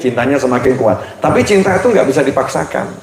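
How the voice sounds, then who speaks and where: Playful preacher, echoey hall. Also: male voice, mid-range voice, animated, quick pace, slight background noise. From Indonesia. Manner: playful, chatty, slips into Javanese and laughs often. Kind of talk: lively Islamic sermon. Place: large mosque hall.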